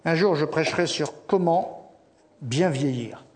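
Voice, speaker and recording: A middle-aged man preaching a sermon as pastor, telling stories lively and acting out quotes with humorous asides. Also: a little high, a little slow.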